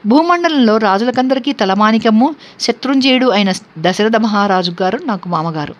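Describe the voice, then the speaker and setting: A woman voicing a grieving, devoted young princess held captive, in a scripture reading, with steady, earnest recitation and a dull lo-fi sound. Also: fairly high pitch, normal speed, lightly acted. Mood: sorrowful. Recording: dull lo-fi recording.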